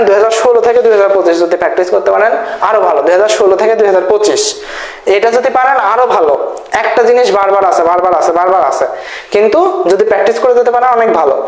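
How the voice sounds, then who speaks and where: High-voiced tutor in an echoey room. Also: male voice. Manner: repetitive, checks in with "thik ache?"; spells words out slowly syllable by syllable. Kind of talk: exam-prep lesson.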